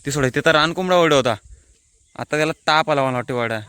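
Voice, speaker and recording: A man's voice: a little high, quick pace, sharp tone, clean tone, no echo. A man from the Konkan region with a Konkani-inflected Marathi accent, chatting casually into a handheld phone as he vlogs outdoors and explains local words to viewers. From Konkan, India. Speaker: vlogger. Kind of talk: casual vlog, walking commentary. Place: outdoors on a hilltop by a water tank.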